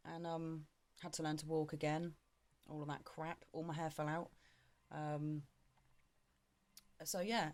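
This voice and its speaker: Tired, halting woman vlogger. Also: low voice, a little mellow. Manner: halting and frank, many pauses. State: tired and drained, yawning. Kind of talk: personal video diary.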